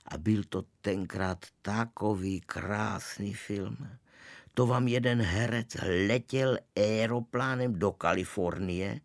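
A man reading a story aloud in the first person, in a measured, wry storytelling manner, close to the mic. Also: lowish voice, no echo. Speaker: narrator. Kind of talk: audiobook reading.

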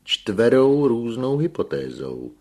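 A man reading aloud and voicing a pompous young male engineer who lectures slowly and emphatically, rolling his R's. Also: mid-range voice, very animated, a little mellow, pitched above the performer's own voice. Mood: lecturing. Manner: slow, emphatic lecturing with rolled R.

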